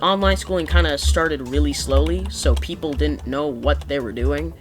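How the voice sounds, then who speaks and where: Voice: mid-range voice, normal speed. A young adult complaining in an exasperated, sarcastic way while giving casual, rambling commentary over gameplay. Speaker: gaming video creator. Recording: music behind the voice.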